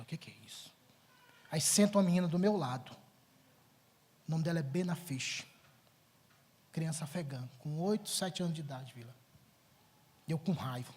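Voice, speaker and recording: A middle-aged man, a pastor preaching a sermon in church, telling a personal story with animated swings between loud and hushed delivery. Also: on the high side, slightly rough.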